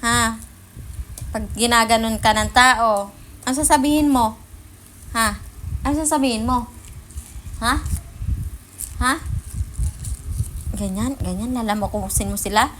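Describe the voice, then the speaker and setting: A woman's voice: fairly high pitch, measured pace, long pauses, fairly bright tone, slight background noise, rough recording. A woman vlogging at home, coaxing her toddler in a playful way and repeating her prompts to him. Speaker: vlogger and parent.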